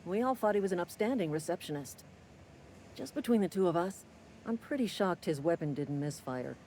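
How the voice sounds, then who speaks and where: A man voicing a gruff, cynical company-town clerk in video game dialogue, speaking curtly and sardonically. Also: sits high, lively intonation, brisk, a little mellow, a little hiss or hum, poor audio. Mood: curt, sardonic. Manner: curt, sardonic and impatient.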